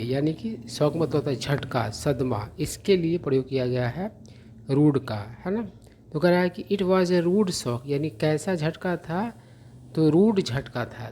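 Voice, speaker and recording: A man teaching English through a newspaper reading lesson, explaining each word slowly and asking and answering his own questions. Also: fairly high pitch, mellow, slight background noise.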